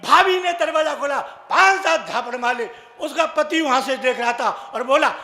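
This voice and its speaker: A man telling a comic story on stage in a slow, theatrical way. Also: very high-pitched, pushed and bright. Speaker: comic poet performing on stage. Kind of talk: live stage comedy storytelling. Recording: echoey hall.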